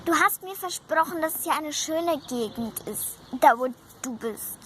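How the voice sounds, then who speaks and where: A woman's voice: sits high, lively intonation, normal speed, fairly bright tone, slight background noise, pitched above the performer's own voice. A woman voicing a sulky, homesick young horse who complains about hunger. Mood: complaining.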